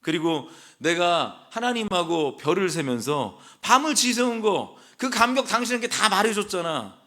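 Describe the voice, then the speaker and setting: A tender patriarch husband, as a preacher puts him on, soothing and pleading with his wife in a bright, lively voice that rises and falls widely. His manner is earnest and close, within a sermon. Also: a little high, moderate pace, exaggerated voice.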